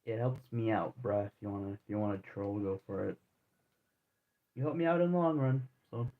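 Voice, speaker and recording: A man in his twenties chats with viewers while streaming a game, laid-back and rambling, full of slang and restarts. His voice is lowish and fairly quick, and the audio sounds tinny, like a phone.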